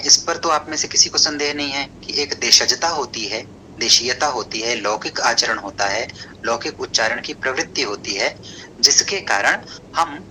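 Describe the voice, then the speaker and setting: A man's voice: medium pitch, bright, forceful tone, a little hiss or hum, rough recording. A man teaching a class, lecturing and asking questions that he answers himself, with English terms mixed in. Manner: mixes English terms into Hindi.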